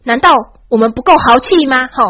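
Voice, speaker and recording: Taiwanese lady ranting sarcastically, higher voice, breathy, dry close sound. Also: lively intonation, brisk, a bit bright, no echo. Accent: Taiwanese Mandarin. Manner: mock-boastful ranting, peppered with a breathy "ha". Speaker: satirical commentator. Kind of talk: sarcastic comic monologue.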